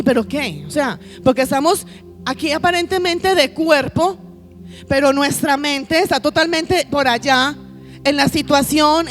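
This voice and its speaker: A woman's voice: high voice, a bit bright. A woman pastor preaching a sermon, piling up lists and asking the congregation rhetorical questions.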